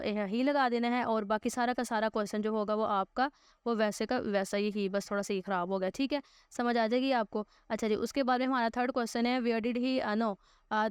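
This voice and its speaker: A woman's voice: fairly high pitch, clean tone, no room sound. A woman teaching an English exercise, explaining each answer patiently and repeating points in two languages. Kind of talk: exercise walkthrough lesson.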